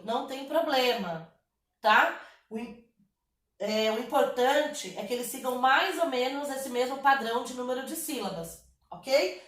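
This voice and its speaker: A Brazilian woman teacher giving a recorded lesson, patient and explanatory, checking in with her students often. Her voice sits a little high. It carries a roomy echo and sounds slightly distant from the microphone. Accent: Brazilian Portuguese. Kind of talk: online class lesson.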